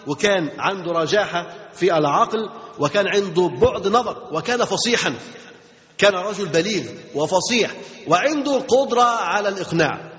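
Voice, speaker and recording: A man's voice: high-pitched, expressive, normal speed, a bit bright. A man with an Egyptian accent giving an Islamic religious lesson, asking his listeners rhetorical questions and repeating key phrases. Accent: Egyptian Arabic. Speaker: religious teacher. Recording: dull lo-fi recording in a reverberant hall.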